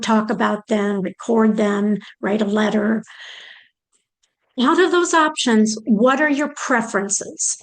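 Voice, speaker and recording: Older woman presenter, a touch high-pitched, methodical, thinks out loud in questions. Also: low-quality recording. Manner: poses questions aloud, walking through each step. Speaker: presenter on aging and care planning. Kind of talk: explanatory talk.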